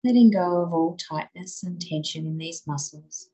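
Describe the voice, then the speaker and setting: A woman guiding a listener through muscle relaxation in a slow, soothing voice. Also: on the low side, dark tone, slightly rough, low-quality recording. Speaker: relaxation guide. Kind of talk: guided relaxation.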